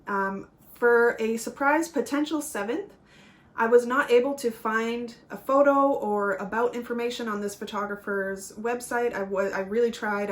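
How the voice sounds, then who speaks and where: A woman speaks in an earnest, chatty vlog voice at a middle pitch. She is unpolished and apologetic, with filler ums. She talks to camera in the tone of a working photographer. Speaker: pageant vlogger and fashion photographer. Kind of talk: casual vlog commentary.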